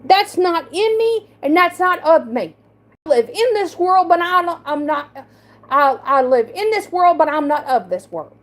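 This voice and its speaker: Woman with a slight speech impediment, very high voice, slow, halting and defensive, livestream talk. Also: expressive. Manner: halting, repeats and restarts words, defensive. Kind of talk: emotional livestream monologue.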